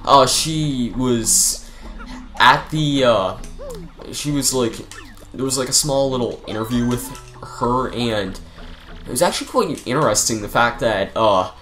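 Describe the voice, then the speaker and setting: A man's voice: medium pitch, unhurried, a bit bright. A young man giving casual, rambling commentary over a video game, chatty and full of fillers. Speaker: let's play commentator. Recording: faint game music behind.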